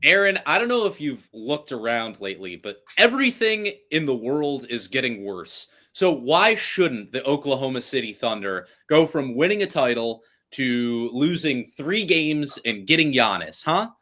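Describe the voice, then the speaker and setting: A man's voice: medium pitch, very animated, normal speed, few pauses, pushed and bright. A man co-hosting a sports podcast, joking around with playful, exaggerated groans. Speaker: podcast co-host. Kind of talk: casual sports podcast banter.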